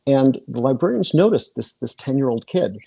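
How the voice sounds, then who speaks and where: A middle-aged man from Michigan chats as an interview guest over a video call. His voice is dark and mellow, recorded dry with no room sound. He circles his points with lots of restarts and filler. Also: medium pitch, animated, normal speed, gravelly, husky, no echo. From Michigan, USA. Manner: chatty, many restarts and repeated words. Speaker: guest comic artist. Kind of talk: casual interview. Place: home room with bookshelves.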